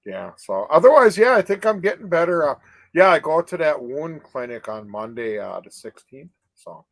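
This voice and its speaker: A man's voice: a little high, very animated, moderate pace, creaky, fairly bright tone, no echo, poor audio. Rambling older man on a dry call. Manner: rambling, many restarts and "you know?" tags. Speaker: co-host of a live advocacy chat. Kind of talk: casual live-stream chat.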